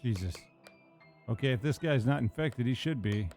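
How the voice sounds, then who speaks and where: A man's voice: medium pitch, lively intonation, moderate pace, darkish tone, soft background music. A man giving casual, joking game commentary as a let's player, offhand, crude and wisecracking.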